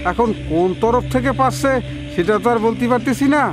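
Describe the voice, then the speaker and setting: A man's voice: very high-pitched, a little fast, music in the background. An actor playing a man scolding his wife for laughing. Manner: scolding, reproachful.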